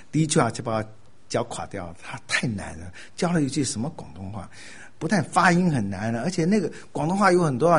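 An older man from Taiwan, giving a sermon with animated storytelling and laughing at his own jokes. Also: mid-range voice.

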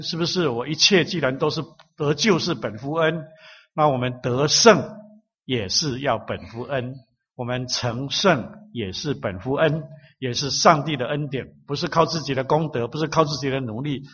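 A man preaching a sermon, teaching slowly and repeating phrases for emphasis. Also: mid-range voice, a bit bright, husky, lo-fi sound. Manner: slow, emphatic repetition of phrases.

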